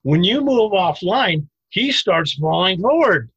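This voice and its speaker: A fairly high, husky male voice, talking through self-defense moves in an animated, emphatic way with sudden loud exclamations. The sound is dry and a little dull, like lo-fi audio. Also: unhurried, dry recording. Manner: emphatic, animated explaining with bursts of mock shouting. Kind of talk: conversational podcast interview.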